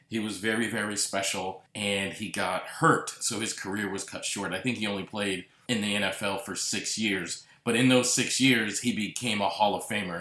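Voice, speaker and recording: A man's voice: lowish voice, sharp tone. A man hosting a solo podcast, talking earnestly and reflectively, lingering on repeated words. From Massachusetts. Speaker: podcast host. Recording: roomy echo.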